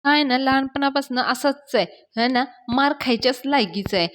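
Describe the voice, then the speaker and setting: A woman's voice: sits high, moderate pace, a little hiss or hum, lightly acted. A woman voicing a mischievous young man who teases and mocks in a sly way. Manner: mocking, sly.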